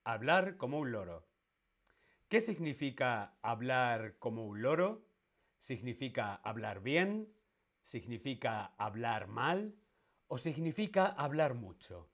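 A man with a Spain Spanish accent teaching a live-streamed language lesson, playful and quizzing his viewers, repeating each question. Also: mid-range voice. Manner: makes animal noises in jest.

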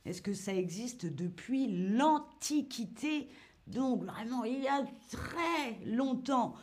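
A woman's voice: fairly high pitch, lively intonation, slow, a little mellow. A woman from Nice hosting a playful livestream lesson outdoors on the sea, chatting with viewers. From Nice, France. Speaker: livestream host. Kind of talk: live-streamed lesson while paddleboarding.

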